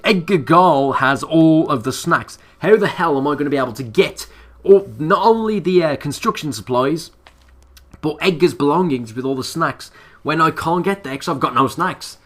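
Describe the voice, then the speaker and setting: A young man commentating a video game, excitable and swearing freely as he talks to his viewers. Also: mid-range voice. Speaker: gaming commentator. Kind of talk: let's play commentary.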